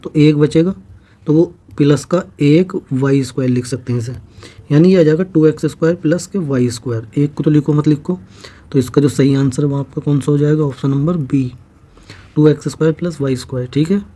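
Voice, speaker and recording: A man's voice: fairly high pitch, fairly quick, mellow. A man explaining exam math problems step by step, patiently checking in with his students as he goes. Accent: Hindi-speaking North Indian. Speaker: math teacher. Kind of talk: exam-prep math lesson.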